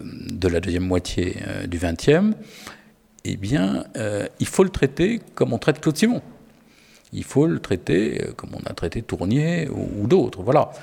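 A man's voice: lowish voice, creaky, a little mellow, breathy edge, big-room sound. A man talking about literature as an editor, hesitant, with many fillers and restarts. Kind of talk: spoken literary discussion.

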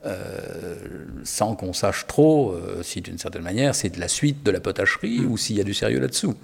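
A man with a lowish, gravelly voice discusses books in an unhurried, hesitant way, often restarting his sentences. His voice carries a long reverb, as if spoken in a large room. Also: big pitch swings. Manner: hesitant, many fillers and restarts.

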